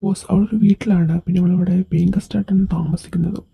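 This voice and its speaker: A woman's voice: fairly low pitch, little pitch movement, quick pace, gravelly, mellow, breathy edge, full character voice. A woman voicing a dutiful male henchman reporting to his boss in an amateur audio drama, rambling and deferential. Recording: dull lo-fi recording.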